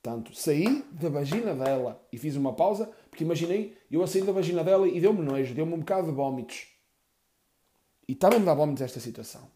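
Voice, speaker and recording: A male comedian tells crude, rambling stories from his childhood in a stand-up set. His voice is mellow and rounded, and he drops deadpan asides as he goes. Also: fairly high pitch, a little fast. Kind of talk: stand-up storytelling.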